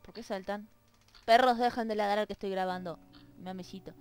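This let's-play gamer talks briskly, her medium-pitched voice clean and fairly even in intonation. With soft music underneath and dogs around her home room, she reads the game's lines in silly voices and chats playfully with the characters.

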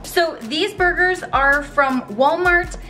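A woman's voice: high-pitched, slow, pushed and bright, faint music behind. A woman in her thirties, from Canada, chatting step by step through a meal prep in her home kitchen. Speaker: vlogger. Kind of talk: casual cooking vlog.

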